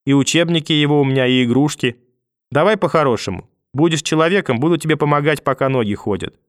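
A shrill, hysterical old grandmother, put on by a man reading an audiobook, wailing and pleading one breath and spitting curses the next. Her voice sits a little high and bone-dry, close to the mic with no room around it. She is manipulative and bitter. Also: quick pace, no echo, close to an everyday voice. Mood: pleading threatening. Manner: wailing, pleading then cursing through a door.

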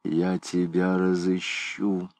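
A man voicing a stern, brooding older archdeacon in an audiobook, low, clipped and grim. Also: fairly even intonation, slow, vocal fry, dry recording, full character voice. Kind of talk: audiobook character reading.

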